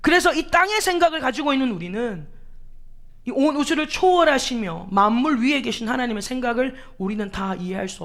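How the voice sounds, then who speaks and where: A woman pastor preaching a sermon, emphatic, asking the congregation rhetorical questions and acting out quoted pleas with drama. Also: on the high side.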